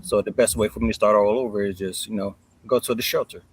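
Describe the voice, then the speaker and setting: A man with a somewhat low voice recounts his past in an easygoing, conversational way. He keeps checking in with the listener as he tells the story. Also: fairly even intonation, quick pace, husky, poor audio. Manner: laid-back, conversational, often says "you know what I mean". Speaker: guest sharing his family story.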